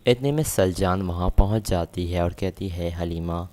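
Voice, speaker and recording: A man's voice: sits low, warm tone. A man narrating a recap of a drama episode, steadily retelling the plot and quoting the characters.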